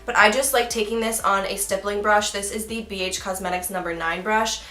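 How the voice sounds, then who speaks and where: Young female beauty vlogger, mid-pitched, bubbly and self-deprecating, in an echoey room. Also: fairly even intonation, a little fast, pushed and bright. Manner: chatty, giggly, self-mocking asides. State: hiccups. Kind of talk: makeup tutorial talk.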